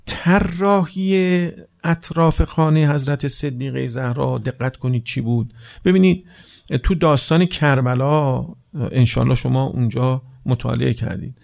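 A man with a gravelly, rough-edged voice delivers a sermon. He moves between telling a story and explaining it, and keeps asking his listeners rhetorical questions. At solemn moments he drops to a hushed, slow voice. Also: medium pitch. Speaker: preacher. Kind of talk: religious sermon mixing story retelling and explanation.

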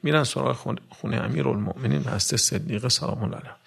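A man preaching a mourning sermon, retelling events with dramatic swings from hushed whispers to loud cries and speaking directly to his listeners. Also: medium pitch, creaky, husky.

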